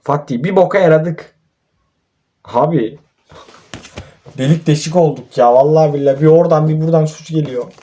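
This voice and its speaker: Young man, gameplay YouTuber, slightly high voice, fed up and grumbling at his players. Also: normal speed, long pauses, warm tone. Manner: exasperated, ranting and swearing at his own team. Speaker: mobile football gamer and YouTuber. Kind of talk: gameplay commentary.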